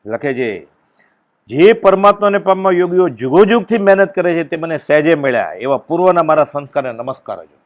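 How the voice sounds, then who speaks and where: A man giving a devotional discourse, telling a story and acting out its dialogue with sudden loud exclamations. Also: a little high, animated, brisk. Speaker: spiritual discourse speaker.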